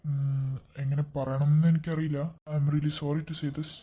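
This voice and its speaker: A woman voicing a grave middle-aged male doctor who speaks slowly and hesitantly in a cartoon drama. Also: deep voice, little pitch movement, mellow, pitched below the performer's own voice. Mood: solemn. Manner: slow, hesitant, sorrowful delivery.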